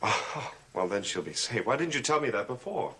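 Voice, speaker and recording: The actor voicing the cursed house's brooding, resolute master in this gothic soap opera sounds worried here. His mid-range male voice is bright, sing-song, and forceful, with a deliberate, commanding, dramatic manner.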